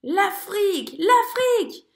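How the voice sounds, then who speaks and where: A woman voicing a boastful, bossy male blackbird who exclaims loudly. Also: sits high, sing-song, moderate pace, voice pushed up. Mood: excited shouting.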